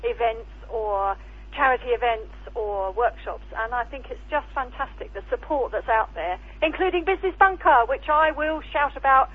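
A woman's voice: fairly high pitch, lively intonation, normal speed. A woman, calling in over the phone to a radio show and chatting enthusiastically. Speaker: caller. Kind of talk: casual chat. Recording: tinny phone line, raspy.

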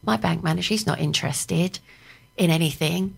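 Middle-aged female guest, lowish hoarse voice, creaky starts, informal radio chat. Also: normal speed. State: hoarse morning-after voice. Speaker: guest, property business owner. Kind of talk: casual radio interview chat.

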